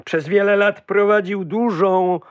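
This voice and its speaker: An actor playing an older uncle who schemes for a monarchy, speaking slowly and earnestly in an audio drama. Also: male voice, sits high, steady tone, no echo, lo-fi sound. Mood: persuasive.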